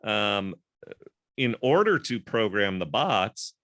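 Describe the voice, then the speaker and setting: A man's voice: lowish voice, big pitch swings, takes it slowly, gravelly, fairly bright tone, no echo, studio quality. A man hosting a casual group discussion over a video call, rambling and thinking aloud with lots of fillers.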